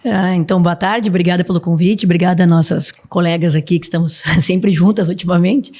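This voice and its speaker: A woman's voice: lowish voice, steady tone, fairly quick, dark tone. A woman in her thirties, a team president speaking politely as a podcast guest. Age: 30s. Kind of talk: casual podcast chat.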